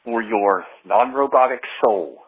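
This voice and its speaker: A male caller speaking through a voice changer as an ominous robot warning of a takeover, in slow, drawn-out proclamations over a tinny phone line. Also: medium pitch, breathy edge.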